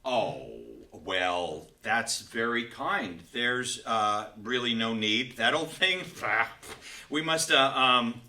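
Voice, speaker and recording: An actor playing a flustered, blustering husband who hides a stolen painting. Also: male voice, mid-range voice, slow pace, bright, forceful tone, echoey room, distant mic. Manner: flustered, stammering.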